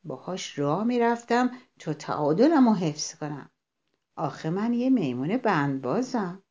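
A woman's voice: fairly low pitch, animated, darkish tone, close to an everyday voice. A woman voicing a proud acrobat monkey who insists he needs the stick most. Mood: boastful.

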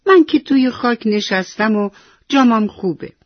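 A woman's voice: on the high side, animated, no room sound, dull audio. A woman voicing a tiny lazy seed that whines it is comfortable in the soil and refuses to get up. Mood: reluctant. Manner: whiny, complacent, reluctant. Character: tiny lazy comfy seed, stubborn, childlike.

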